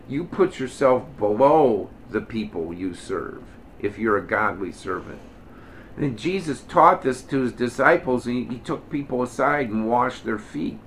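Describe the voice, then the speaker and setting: A man's voice: medium pitch, lively intonation, a little slow, slight background noise. An older man preaching in a plain-spoken, folksy way, now and then lifting his voice into emphatic quoted lines. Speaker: minister. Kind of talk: conversational sermon.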